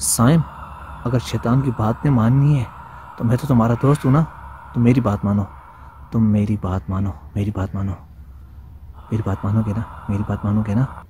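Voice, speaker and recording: A man's voice: fairly low pitch, level tone, normal speed, long pauses, warm tone, close to an everyday voice. A man playing a sly male devil who coaxes and pleads, repeating himself to tempt a boy. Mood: insistent. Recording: noisy amateur recording.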